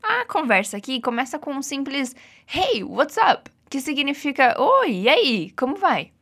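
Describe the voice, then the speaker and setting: Brazilian-accented woman English teacher; patient, encouraging, animated pitch. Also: moderate pace. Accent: Brazilian Portuguese. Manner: patient, encouraging, drills repeats. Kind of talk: guided language lesson.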